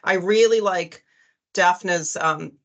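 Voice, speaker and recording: A woman's voice: on the low side, takes it slowly, fairly bright tone, lo-fi sound. A woman in her forties with a Boston accent, speaking as a panelist on a video call, friendly and conversational. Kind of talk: virtual panel discussion. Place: home office over video call.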